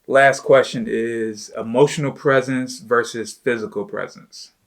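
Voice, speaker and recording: A man's voice: mid-range voice, steady tone, unhurried. A man hosting a casual chat with his wife, talking loosely and informally with plenty of "you know" and "like" fillers. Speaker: host, entrepreneur.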